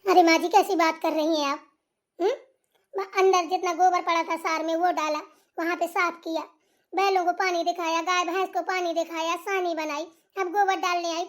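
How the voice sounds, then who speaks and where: A woman voicing a patient young village daughter-in-law who pleads, explains and soothes in a comedy cartoon. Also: very high-pitched. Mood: pleading.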